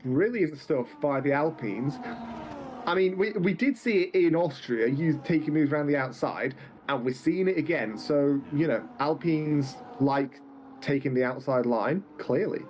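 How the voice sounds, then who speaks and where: Young guy doing live sim race commentary, kinda high voice, jokey banter. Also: a little mellow, slight background noise. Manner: joking, quick banter between race calls.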